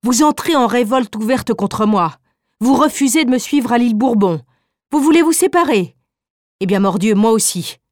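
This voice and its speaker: A woman's voice: on the high side, lively intonation, moderate pace, a little mellow, dry recording, clean studio sound, close to an everyday voice. A woman reading the part of a domineering, scornful husband in an audiobook. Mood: angry. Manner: blustering, insulting.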